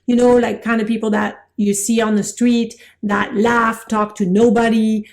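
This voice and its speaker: A middle-aged woman teaching Chinese medicine in a chatty, excitable way, laughing at herself as she goes. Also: fairly high pitch, moderate pace. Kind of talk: informal lecture.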